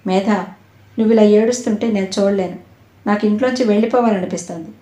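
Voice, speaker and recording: A woman voicing a tender, guilt-ridden young husband in a storybook reading, quiet and earnest. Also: medium pitch, steady tone, fairly quick, lightly acted. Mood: pleading. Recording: roomy echo.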